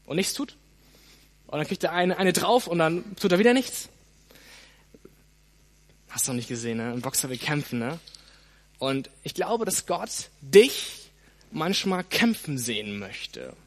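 A man preaching a sermon, speaking straight to his listeners with frequent "hey" and "ne?", with a lively, varied delivery. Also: a little high, a little slow, long pauses.

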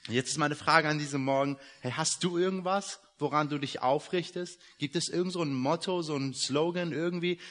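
A man's voice: on the high side, fairly quick, few pauses, fairly bright tone. A young man from Iran, raised in Germany, preaching a sermon in a casual, joking way, with many fillers. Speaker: guest preacher. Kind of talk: sermon with personal introduction.

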